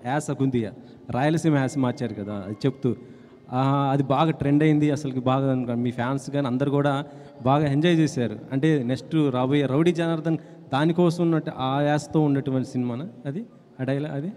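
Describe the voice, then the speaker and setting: A man's voice: mid-range voice, brisk, darkish tone. A male reporter at a press meet, asking pointed questions and addressing the guests politely. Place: large press hall. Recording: reverberant hall.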